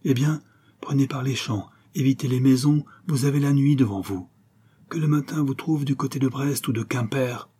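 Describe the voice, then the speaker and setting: A man reading a novel aloud, voicing a loyal, gruff Breton servant who gives firm, urgent commands. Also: medium pitch, moderate pace, warm tone, pitched above the performer's own voice, close to an everyday voice.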